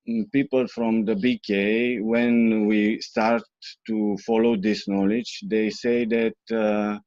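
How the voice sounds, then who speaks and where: A man's voice: on the low side, flat delivery, slow, darkish tone, dry recording. A man from Bulgaria answering interview questions, hesitant, with many fillers. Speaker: interview guest. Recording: dull lo-fi dry sound.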